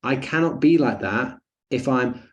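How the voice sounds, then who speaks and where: A man's voice: medium pitch, unhurried, dull audio. A man teaching a breathing webinar in a chatty, jokey way with lots of fillers and asides. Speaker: breathing coach.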